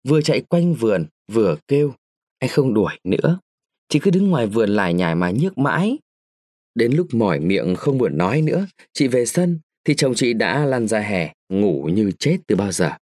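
A man reads a short story aloud with a very lively, rising and falling voice, speeding up and slowing down with the action. The sound is dry and close, with no room around it. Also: mid-range voice, no room sound. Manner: expressive, changes pace with the story. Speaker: narrator.

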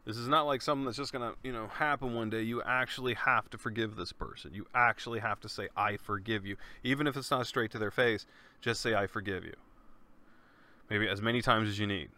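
A podcast host with a sharp-toned, medium-pitched voice speaks in a casual yet earnest monologue. He talks loosely, repeatedly says "man," and swears along the way.

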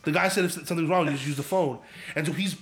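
A man's voice: on the high side, rapid-fire, a bit bright. A man casually telling a long, profane story in a podcast chat, rambling and laughing as he goes. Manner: rambling, profane, laughs often while talking.

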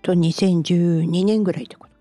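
A woman in her fifties hosts a relaxed interview, her low, mellow voice steady and attentive as she murmurs along. The recording is dry, with faint music behind. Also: a little fast, no echo. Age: 50s. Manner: attentive, constant back-channel nods. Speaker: podcast host. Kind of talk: casual interview chat.

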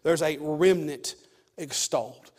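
A male pastor, preaching a sermon from the pulpit in a hoarse voice, with fervent repetitions and restarts. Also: a little high, takes it slowly, a little mellow. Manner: fervent preaching with frequent restarts and repeated words. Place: church sanctuary, at the pulpit. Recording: long church reverb.

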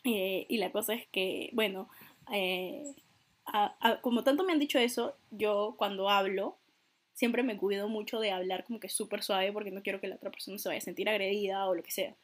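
A woman in casual chat, talking softly and hesitantly with lots of fillers. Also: mid-range voice, steady tone, normal speed. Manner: soft-spoken, hesitant, rambling with many fillers.

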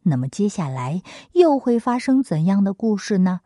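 A woman narrating a serialized classic tale in an expressive storybook delivery. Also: medium pitch, normal speed, no room sound, clean studio sound.

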